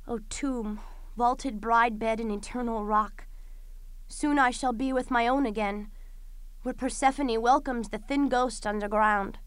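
A doomed young tragic princess, acted by a woman, speaks in a high, smooth, resonant voice. She declaims her grief solemnly, with defiance, as in classical Greek drama. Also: steady tone, measured pace, no echo, natural voice. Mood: mournful, defiant. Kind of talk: classical Greek tragedy audio performance.

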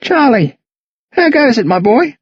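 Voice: medium pitch, very animated, a little slow, breathy edge, no echo, dull audio, voice pushed up, heavily acted. A reader voicing a friendly, chatty older country man with a broad, slangy drawl. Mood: cheerful.

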